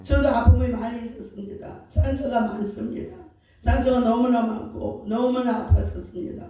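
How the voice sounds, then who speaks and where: A man's voice: extremely high pitch, steady tone, moderate pace, warm tone. A man preaching a fervent revival sermon as pastor, pressing his listeners with repeated rhetorical questions. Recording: very echoey hall, distant mic.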